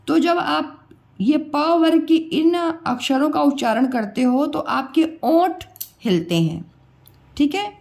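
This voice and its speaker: Patient woman teacher with a high voice who drills sounds one by one at an unhurried pace. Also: a little mellow. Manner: patient, repeats each sound and quizzes the listener. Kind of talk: classroom lesson on pronunciation.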